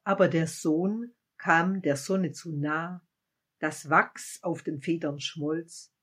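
A woman voicing an eager, curious young child in a spoken story, raising her voice high and rattling off lists with excitement. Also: slow pace, slightly rough, heavily acted.

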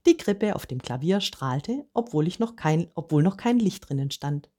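A woman with a notably deep voice reads a first-person storybook. Her delivery is calm and measured, and she tells the story steadily. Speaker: narrator. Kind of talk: storybook reading.

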